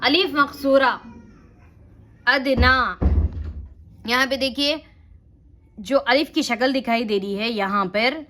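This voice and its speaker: Slow bright-voiced woman teaching Urdu reading. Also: on the high side. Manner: slow syllable-by-syllable spelling, explaining patiently. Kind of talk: spelling-out reading lesson.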